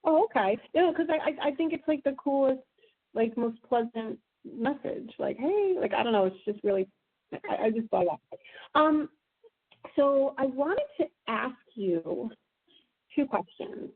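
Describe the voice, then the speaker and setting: A woman conducting a casual phone interview, rambling through halting questions on a narrow phone line. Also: high voice, husky.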